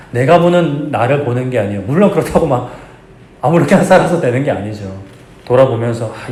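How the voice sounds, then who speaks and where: A man's voice: medium pitch, darkish tone. A male pastor delivers a Sunday sermon in an earnest, exhorting tone, often turning to the congregation with friendly asides. His voice sits in a middle register and rings around a roomy church sanctuary, with a faint hum underneath. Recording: echoey church hall, faint background hum.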